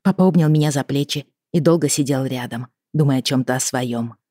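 An audiobook reader tells a first-person story in a quiet, even and reflective way, at a middling pitch. The recording is dry and closely miked, with no room around the voice. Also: fairly quick, no echo. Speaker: audiobook narrator.

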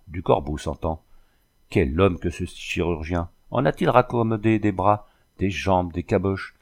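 A man with a low, gravelly voice reads a storybook aloud. He gives the sailors' shouts and the characters' lines their own lift in pitch. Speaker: audiobook narrator. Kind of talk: storybook reading with voiced dialogue.

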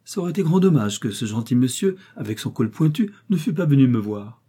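A man's voice: mid-range voice, big pitch swings, a little fast, warm tone, slightly rough, voice pushed up. A man voicing a proud young widow, cool and cutting. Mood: amused.

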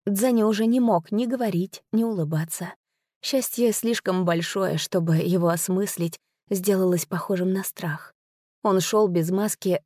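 A woman narrating a story in a measured, unhurried storytelling manner. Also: on the low side, warm tone, dry recording, clean studio sound. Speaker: audiobook narrator. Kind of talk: scripted narration.

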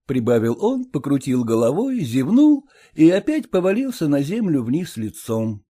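A man narrating a story in an audiobook reading, measured and expressive. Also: a little high.

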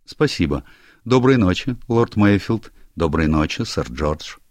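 A man's voice: deep voice, animated, measured pace, a little mellow, no room sound, studio quality, voice pushed up. A man voicing a young, anxious male secretary who stammers and is eager to please, in an audiobook. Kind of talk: audiobook character voice.

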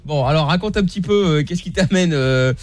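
A man's voice: on the high side, brisk, background noise. A man hosting a casual radio call-in show, teasing and using crude slang. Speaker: radio host. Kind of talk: casual radio banter with callers. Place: radio studio.

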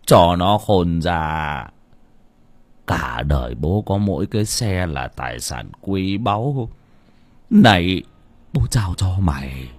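A man voicing a cranky old village father who speaks slowly and scoldingly, wheezing near death. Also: fairly low pitch, bright, forceful tone, heavily acted. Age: older.

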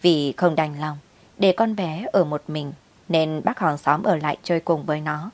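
A woman narrating a family story in a steady, brisk storytelling manner. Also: deep voice.

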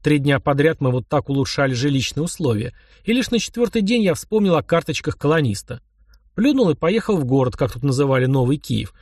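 A man's voice: fairly high pitch, very animated, fairly quick, a little mellow, no echo. Guy reading an audiobook in first person, wry easygoing tone, dry close mic. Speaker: audiobook narrator. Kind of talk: first-person novel narration.

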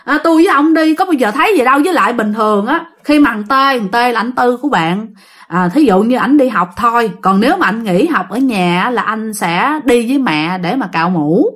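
A woman's voice: a little high, animated, fairly quick, fairly bright tone. A woman voicing an irritated middle-aged wife who brushes off her husband's fears and nags him. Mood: dismissive. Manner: exasperated, brushing off, nagging.

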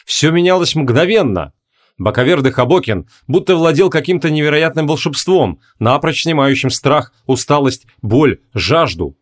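A man narrating a fantasy battle audiobook in a steady, measured reading. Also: fairly high pitch.

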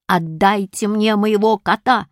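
A woman's voice: mid-range voice, fairly even intonation, measured pace, dry recording, studio quality, close to an everyday voice. A woman voicing an anxious schoolboy who calls out urgently in an audiobook story. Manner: raised, urgent calling. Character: schoolboy hero, eager and anxious.

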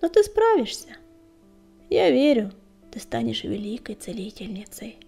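In this storybook reading, a woman gives voice to a steady tomcat leader who stays caring toward his clan. The voice is soft and breathy, pitched a little high and mellow in tone. Faint music plays behind it. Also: moderate pace. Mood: gentle.

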